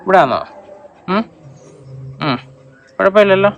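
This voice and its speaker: A man's voice: high voice, expressive, measured pace, a bit bright, lo-fi sound. A man in a casual home video, calling and soothing his dog in a coaxing, teasing way. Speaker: dog owner filming his pet.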